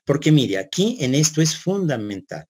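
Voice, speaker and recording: A man's voice: on the high side, big pitch swings, normal speed, a little mellow, husky. A man lecturing a class, explaining step by step, repeating words, often checking with "¿no?", and putting questions to his students. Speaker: university lecturer.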